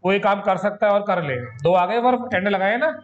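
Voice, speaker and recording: A man's voice: sits high, animated, moderate pace, highs cut off. A man teaching English grammar in a coaching lecture, chatty and scolding as he acts out his students.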